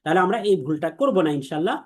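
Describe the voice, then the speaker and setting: Male online teacher, repeats sounds slowly to drill students. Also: on the high side, expressive. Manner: slow drilling repetition of sounds. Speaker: Quran pronunciation teacher. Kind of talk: online class lesson.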